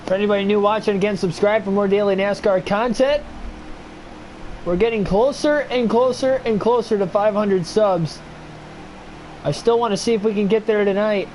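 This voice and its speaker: Over poor audio with slight background noise, a young streamer narrates a sim race play-by-play and chats with viewers, his nose stuffy and his voice tiring. His voice is high, steady and darkish, at normal speed.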